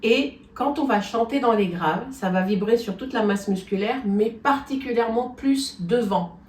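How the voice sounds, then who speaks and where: A woman's voice: on the high side, normal speed, darkish tone. A woman vocal coach gives a singing lesson, explaining things step by step and often checking in with her students. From France. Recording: echoey room, from a distance.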